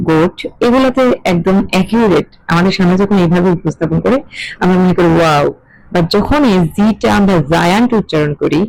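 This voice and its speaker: A middle-aged woman, explaining an English lesson in a measured, questioning way. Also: on the low side, darkish tone, no echo, poor audio. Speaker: English teacher.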